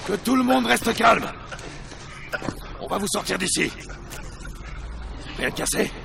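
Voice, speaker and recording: A man voicing a commanding, calm military captain in a game, gravelly, giving curt authoritative orders. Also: sits high, measured pace, background noise, heavily acted. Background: music.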